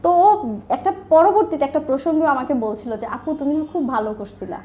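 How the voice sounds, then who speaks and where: This interview guest, a woman who owns an online business, talks in a Bangladeshi accent, blending English words into her frank, emphatic answers. She has a high-pitched voice with lively intonation and a fairly quick pace. The recording sounds muffled.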